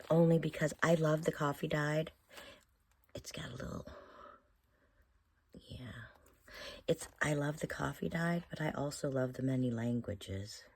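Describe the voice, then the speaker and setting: Hoarse, squeaky low-voiced woman crafting. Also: darkish tone, slight background noise. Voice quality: squeaky, cracking into whispery breaks. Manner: rambling, thinking aloud while working. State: hoarse, squeaky voice from a feverish illness. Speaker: craft vlogger. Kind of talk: casual chatty craft tutorial.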